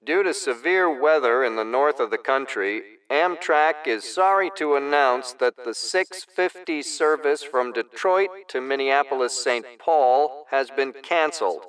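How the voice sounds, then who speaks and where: A smooth, resonant man acting as a male rail announcer gives a formal public announcement. The voice is mid-pitched and a little distant from the microphone. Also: measured pace, hardly any pauses, fairly bright tone, close to an everyday voice. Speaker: station announcer. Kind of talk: scripted railway public announcement.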